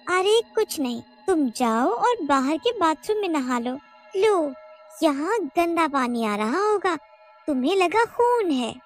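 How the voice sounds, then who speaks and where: A woman voicing a calm young city wife who brushes off every worry lightly. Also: extremely high pitch, takes it slowly, soft background music, voice pushed up, heavily acted. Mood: dismissive.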